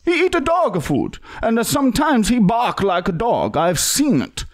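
Very high-pitched and very animated, this young male prank caller voices a pushy foreign man in broken English, pleading at a normal speed and loaded with hesitant fillers. It's recorded indoors in a small studio on a podcast mic on a boom arm.

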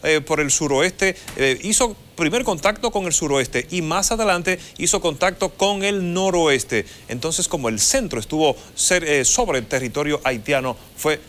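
Man, thirties, somewhat high pitch, formal weather forecaster, faint noise behind. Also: lively intonation, normal speed, few pauses, fairly bright tone. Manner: formal, explanatory. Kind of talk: live weather explanation. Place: TV studio. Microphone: lapel mic.

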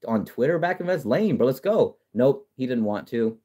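A man hosting a casual sports livestream, reading viewer comments and talking trash in a profane, excitable way with frequent restarts. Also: medium pitch, normal speed, breathy edge. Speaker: livestream host. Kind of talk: casual live-stream chat reading comments.

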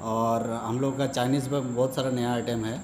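A man who owns a restaurant, answering interview questions hesitantly with many pauses and filler sounds. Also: mid-range voice, level tone. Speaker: restaurant owner. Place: rooftop restaurant, outdoors. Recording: roomy and noisy.

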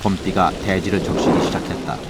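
Low-voiced male nature documentary narrator. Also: fairly even intonation, a little fast, heavy background noise. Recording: voice over background music. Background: music.

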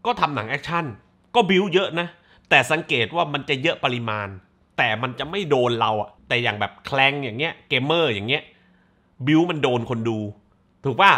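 A man casually reacting to a trailer and chatting about it, excitable, exclaiming and swearing as he talks. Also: a little high. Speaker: movie reaction host.

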